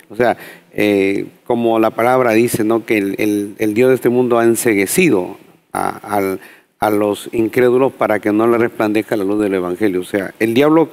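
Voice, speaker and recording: A pastor explains scripture at an ordinary mid pitch. He speaks in a measured, teaching manner, with frequent fillers and small restarts as he reaches for the right word. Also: a little mellow. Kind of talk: preaching in a panel discussion.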